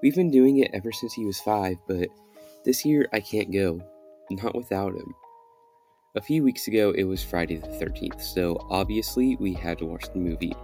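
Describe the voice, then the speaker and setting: A young adult man with a deep, mellow voice speaks at a moderate pace. As a podcast host, he dramatically narrates his own horror story in the first person, with music in the background.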